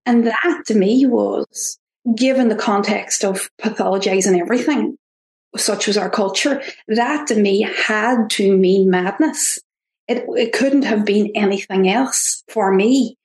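A woman with an Irish accent, a podcast guest talking in an earnest, halting way with frequent restarts. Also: mid-range voice, a little mellow. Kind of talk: reflective interview talk. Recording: roomy echo.

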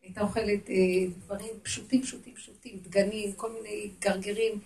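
A woman's voice: mid-range voice, level tone, creaky, darkish tone, far from the mic, poor audio. A middle-aged woman teaching a religious lesson to women, emphatic, with urgent repetition and rhetorical questions.

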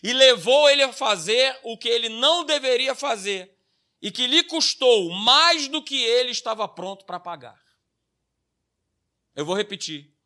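A man's voice: extremely high pitch, expressive, unhurried, bright, forceful tone. A man with a Brazilian Portuguese accent preaching a sermon, stressing his points by repeating key phrases and checking in with tag questions.

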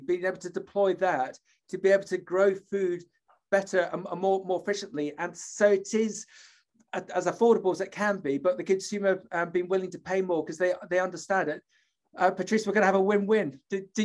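High-voiced chatty British man. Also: steady tone, quick pace, darkish tone. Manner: rambling, many fillers and restarts, chatty. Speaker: host, interviewer. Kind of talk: conversational interview.

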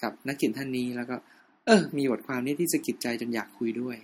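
A man hosting a podcast, wrapping up an episode in a relaxed, informal way. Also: mid-range voice, fast talker, breathy edge. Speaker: podcast host. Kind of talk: podcast outro.

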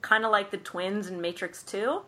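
Bright-voiced woman retelling a film plot. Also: medium pitch, normal speed. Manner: animated storyteller, acts out characters' lines, laughs often. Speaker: podcast co-host recapping a film. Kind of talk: casual chat.

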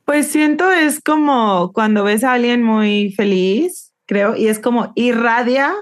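A woman with a Mexican accent and a fairly high voice chats as a podcast co-host. Her talk is loose, informal and slangy. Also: slow. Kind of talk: casual chat.

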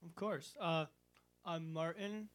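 A man's voice: on the high side, steady tone, takes it slowly. A nineteen-year-old man in a band, answering interview questions in an easygoing, rambling way. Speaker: band member, interview guest.

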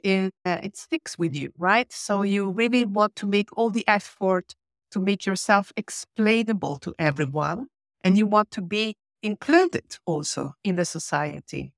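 She's a change and communication manager from Switzerland and southern Italy, speaking as a podcast guest; Italian is her first language. Her medium-pitched delivery is explanatory and steady, broken by frequent "uh" pauses. A close, dry sound with no echo.

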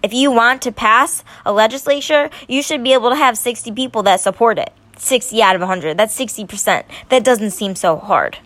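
A woman's voice: a little high, brisk, few pauses, a bit bright, dry recording. A young woman vlogging her opinions on politics, growing emphatic and stumbling over her words as she gets worked up. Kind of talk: casual opinion commentary.

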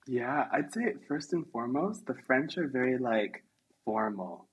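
Husky guy from the states, guest on a podcast, laid back, lots of ums. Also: mid-range voice, muffled recording. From United States. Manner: relaxed, halting with fillers and small laughs. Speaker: interview guest. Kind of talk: casual interview chat.

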